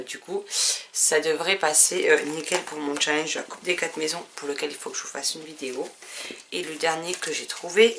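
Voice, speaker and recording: A woman's voice: sits low, sharp tone, a little hiss or hum. A woman vlogger chatting casually about her book purchases, rambling and full of hesitations. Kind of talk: casual book haul chat.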